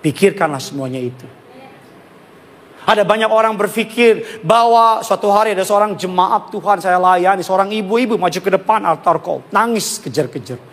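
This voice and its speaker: Male pastor, high voice, lively joking sermon, call-and-response, English phrases mixed in, big reverberant church. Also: normal speed. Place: church sanctuary. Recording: long hall reverb.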